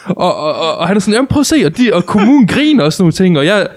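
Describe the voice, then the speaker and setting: A young man chatting casually as a podcast co-host, telling a long story with many restarts and frequent laughter. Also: high voice. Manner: rambling, many restarts, lively when retelling, laughs often. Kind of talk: casual chat.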